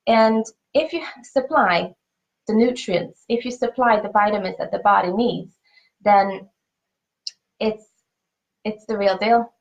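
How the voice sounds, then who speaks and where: A woman with a Hungarian accent speaks at a middle pitch, earnest and conversational as she explains things to the camera. She sometimes repeats a word while reaching for the next one. The recording sounds a little dull and lo-fi. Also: slow pace, gravelly, long pauses. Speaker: founder of a family pet supplement business.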